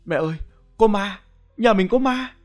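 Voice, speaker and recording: A terrified young mother cries out in a shrill, raised voice, as a male narrator acts her out. She sounds desperate and panicked, a woman haunted in a spoken horror tale. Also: fairly even intonation, a little fast, faint music behind, lightly acted. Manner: shrieking, panicked.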